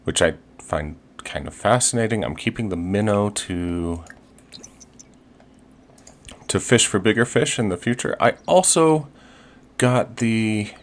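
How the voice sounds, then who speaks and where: This gaming host speaks in a lowish, expressive voice, a little slowly and with long pauses. He commentates casually and upbeat on a life-sim game, full of fillers, restarts and jokey pirate lingo.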